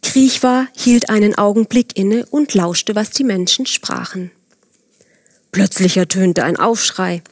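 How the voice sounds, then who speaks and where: A woman narrates a children's story in a calm, unhurried voice of middling pitch. She talks straight to her young listeners and sometimes sinks to a soft whisper. The recording is close and dry, with no room sound. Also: no echo.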